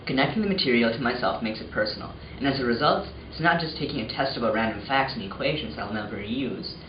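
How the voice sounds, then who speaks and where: A man's voice: mid-range voice, expressive, fast talker. Young man, earnest scripted testimonial, roomy echo, muffled sound. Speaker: student. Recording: echoey, muffled, faint noise.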